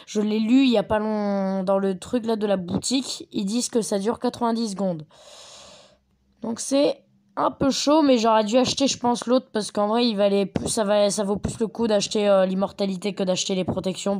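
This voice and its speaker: A woman giving rambling, chatty commentary on a mobile game from her bedroom at home. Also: mid-range voice. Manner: chatty, rambling, quick to get excited. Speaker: gameplay commentator. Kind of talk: casual gaming commentary.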